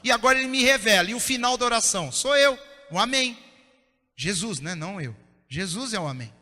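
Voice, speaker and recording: A man preaching a sermon as pastor, impassioned and often dropping to soft, intense tones. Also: very high-pitched. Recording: long reverb of a church hall.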